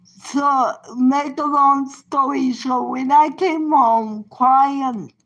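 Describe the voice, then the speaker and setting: A woman with a high voice tells a personal story very slowly. She rambles, circles back and restarts her sentences, filling the gaps with "you know.". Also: steady tone, dull audio.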